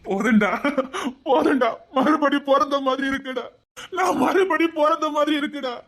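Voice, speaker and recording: A woman plays a lonely uncle in a village web drama, with a Tirunelveli accent and a voice that sits a little high. He talks with deep feeling, pleading and close to tears, full of regret. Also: normal speed, lightly acted. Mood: relieved. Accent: Tirunelveli Tamil. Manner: emotional, pleading, tearful. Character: grown man, a lonely, remorseful uncle.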